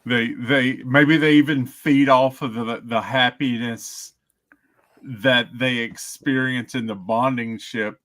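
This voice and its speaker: A man co-hosting a casual movie commentary, speaking hesitantly with many pauses. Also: mid-range voice, steady tone, a bit bright. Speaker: podcast co-host. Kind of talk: casual film commentary chat.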